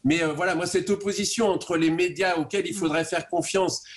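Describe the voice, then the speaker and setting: A man speaking as a guest in a studio radio debate, halting and repeating words as he builds his point. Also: sits high, steady tone.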